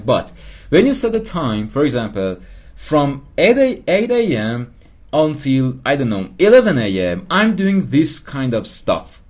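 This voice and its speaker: Slow, lively self-help podcaster, man. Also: mid-range voice. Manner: rambling, repeats himself, laughs at himself. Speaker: podcast host. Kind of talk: casual self-help monologue.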